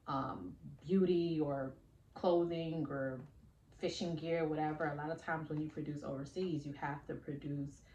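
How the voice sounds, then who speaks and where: A woman's voice: low voice, fairly even intonation, measured pace, mellow, dull audio, slight background noise. A woman fashion designer talking casually to her vlog audience, explaining her business in a chatty way with frequent fillers. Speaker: independent fashion designer and vlogger. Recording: echoey room.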